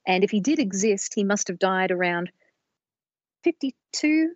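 A mid-range voice with lively intonation, speaking a little slowly and with no room sound, belongs to a woman co-hosting a podcast. She explains her research carefully yet casually, pausing to restart small phrases, on a dull, lo-fi dry recording.

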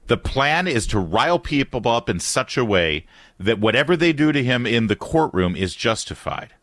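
In a dry, studio-quality recording, a man from Detroit with a lowish voice delivers an impassioned talk radio monologue. He mocks his opponents with animated energy, then opens the lines to callers.

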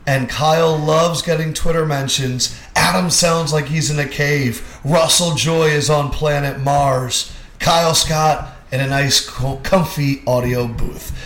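A man's voice: fairly high pitch, fairly even intonation, measured pace, few pauses, fairly bright tone. A man hosting a sports podcast in a casual, upbeat, wisecracking way, his voice echoing as if recorded in a cave. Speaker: podcast host. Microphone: podcast microphone. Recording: echoey cave-like room sound with faint background hum.

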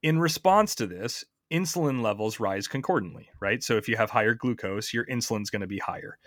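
A man's voice: lowish voice, a little fast, fairly bright tone, no room sound, studio quality. A man hosting a podcast, casually explaining science step by step and often checking in with his co-host.

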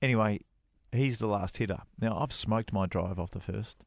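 Middle-aged guy spinning a golf yarn on a podcast, lively storyteller, dry close sound. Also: moderate pace, creaky, dry recording. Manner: animated anecdote teller, rises high acting out quoted dialogue. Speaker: golf podcast co-host, former touring pro. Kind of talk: casual storytelling chat.

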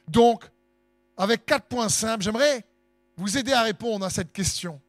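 High-voiced impassioned male preacher. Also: moderate pace, dry recording, faint music behind. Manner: impassioned, sing-song preaching with swelling emphasis. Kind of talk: sermon.

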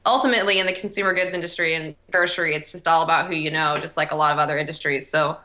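A woman's voice: low voice, fairly even intonation, rapid-fire, pushed and bright. A young adult woman, a company co-founder, giving eager, upbeat answers as a guest in a casual interview.

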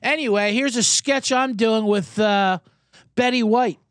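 A very high-pitched, fairly bright male voice comes through a little slowly in studio-quality audio without room sound. The man hosts a sports betting podcast, and his casual betting talk is profane and rambling, packed with jokes and mock accents.

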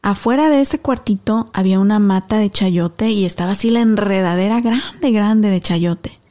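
A woman's voice: medium pitch, normal speed. A woman in her thirties, a podcast co-host, telling a story casually and acting out the voices of the people in it. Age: 30s. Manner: animated storyteller, acts out dialogue.

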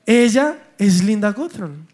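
High-voiced Colombian young man preaching. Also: takes it slowly, slight background noise. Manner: animated, humorous storytelling with acted dialogue. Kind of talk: sermon with personal stories.

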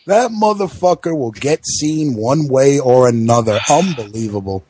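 A man's voice: medium pitch, animated, normal speed, a little mellow, a little hiss or hum. A man hosting a wrestling radio show with casual live commentary and blunt talk. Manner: blunt, freely swearing.

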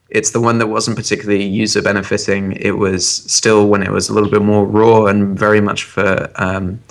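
A man co-hosting a casual tech podcast, opinionated and animated, with many fillers and restarts. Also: fairly low pitch. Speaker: podcast co-host.

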